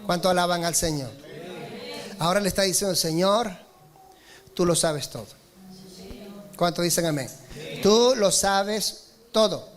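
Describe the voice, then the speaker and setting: High-voiced male pastor preaching. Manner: preaching with rises in pitch and slowed emphatic lines, asking the congregation for amen. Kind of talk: sermon.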